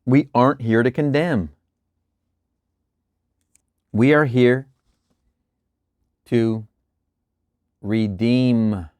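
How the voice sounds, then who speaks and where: Man, mid-pitched voice, measured reading, relaxed asides, dry close sound. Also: smooth, no echo. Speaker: host reading and explaining lectures. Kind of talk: reading aloud with casual commentary.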